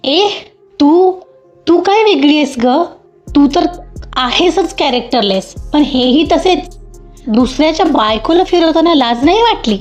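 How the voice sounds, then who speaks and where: A woman's voice: high-pitched, expressive, measured pace, voice pushed up. A woman voicing an angry young man who turns from pleading to threats, in a storybook reading. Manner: shouting, bitter, sneering. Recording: dull lo-fi with faint music.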